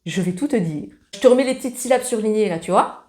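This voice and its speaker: High-voiced woman teaching ukulele. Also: lively intonation, fast talker, over music. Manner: chatty, familiar, sings the lyrics while strumming. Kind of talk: casual ukulele tutorial. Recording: loud ukulele playing along.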